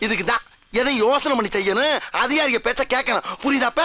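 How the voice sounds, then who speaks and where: A pompous bumbling head constable. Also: male voice, very high-pitched, brisk, very noisy. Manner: pompous, self-important, sentimental. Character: boastful bumbling middle-aged male head constable. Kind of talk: film comedy acting. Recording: film soundtrack with music.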